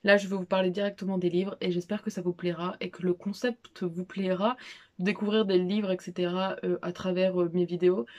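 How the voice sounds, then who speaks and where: A woman's voice: on the low side, level tone, a little fast, darkish tone. Chatty young woman, casual slangy vlog. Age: young adult. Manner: chatty, informal, many fillers and restarts; self-deprecating asides. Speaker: book vlogger. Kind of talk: casual monthly reading recap.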